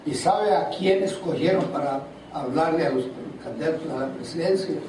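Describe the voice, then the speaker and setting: An older man with a slightly high voice preaches at normal speed during a church seminar, questioning the congregation as he goes. The recording comes from far off in a large, echoey hall, with audible noise.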